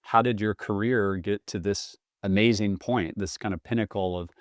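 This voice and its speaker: A man's voice: lowish voice, fairly even intonation, moderate pace, no room sound, studio quality. A man in his fifties, hosting a casual podcast interview in an enthusiastic, effusive way. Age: 50s. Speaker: podcast host.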